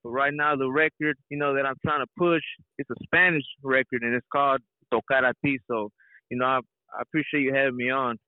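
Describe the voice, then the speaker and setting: A young rapper and reggaeton singer, born in Mexico and raised in Houston, Texas, chats casually as an interview guest and keeps dropping "you know." His mid-range voice is fairly even and a bit fast, coming through a narrow, tinny phone line with no echo.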